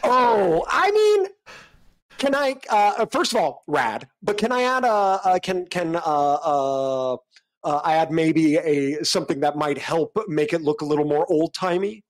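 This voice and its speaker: Excitable rambling man on a livestream. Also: on the high side, a little slow, poor audio. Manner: rambling, restarts, excitable, laughs often. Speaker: livestream co-host demonstrating AI image prompts. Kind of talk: casual livestream chat.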